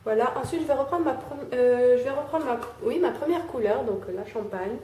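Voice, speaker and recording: A young woman talking through a casual makeup tutorial, filling pauses with "euh" and "hein" as she applies makeup. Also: sits high, mellow. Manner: chatty, fills with "euh" and "hein", talks while applying makeup. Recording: echoey room, faint background noise.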